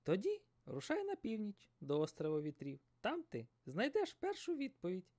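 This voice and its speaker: Storybook: kindly magic fish, female, put on by a male narrator, lilting high voice. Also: wildly swooping pitch, normal speed, a little mellow, heavily acted. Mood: gentle. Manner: kind, encouraging.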